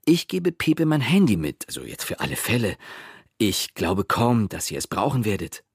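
A chatty, reassuring mother, as a man reading a storybook puts her on. He lifts his husky voice only a little, and the pitch moves up and down a lot. The sound is close and dry. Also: very animated, moderate pace, no room sound, full character voice. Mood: encouraging. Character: cheerful mother sending children off.

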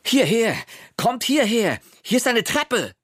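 A man's voice: on the low side, sing-song, unhurried, breathy edge, no echo, clean studio sound, exaggerated voice. A man voicing an eager, self-assured young boy who leads a group of children. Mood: excited. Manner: eager, cheerful, sure of himself.

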